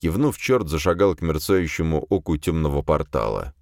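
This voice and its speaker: Deep-voiced man reading a fantasy audiobook. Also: animated, moderate pace, darkish tone, dry recording, clean studio sound. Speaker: narrator. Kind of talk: audiobook narration, first person.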